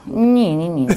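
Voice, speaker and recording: A woman in her forties from Saint Petersburg, chatting bluntly and quickly as a guest in a TV studio interview, swearing freely. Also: a little high, darkish tone, husky. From Saint Petersburg, Russia. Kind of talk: casual TV interview chat.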